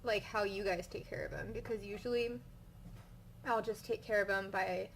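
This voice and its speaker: A woman's voice: medium pitch, steady tone, normal speed, gravelly, a little hiss or hum, rough recording. A young woman vlogging casually about her migraines while she still has one, rambling with lots of fillers and sounding frustrated. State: suffering a migraine. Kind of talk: casual storytelling vlog.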